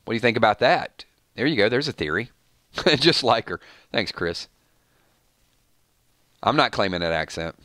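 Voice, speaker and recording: This live-stream host is a Georgia man with a US Southern accent who rambles chattily, laughs a lot and reads out viewer comments. His lowish voice is very animated and a bit bright, at a moderate pace with frequent pauses, in clean studio sound without room sound.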